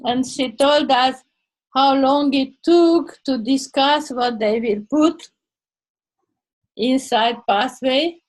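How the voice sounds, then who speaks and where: An older woman on a video call speaks in a high voice, slowly, hunting for words, over poor audio. Originally from Transylvania, Hungary, with Hungarian as her first language, this Toastmasters member and blogger chats casually in English with non-native grammar and a halting manner.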